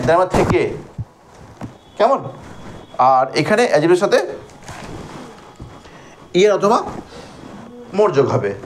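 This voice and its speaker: A high-pitched male teacher with a Bengali accent runs a grammar class. He calls students by name and asks them questions. He stretches words out to count their syllables, over a light background hiss. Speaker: English teacher.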